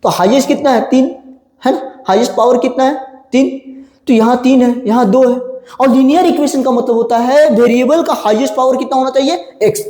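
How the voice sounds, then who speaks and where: High-voiced male maths teacher, echoey room. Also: fairly quick, mellow. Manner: drills students with repeated questions and answers them himself; addresses viewers as children and brother. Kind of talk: classroom lecture. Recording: echoey room with long reverb.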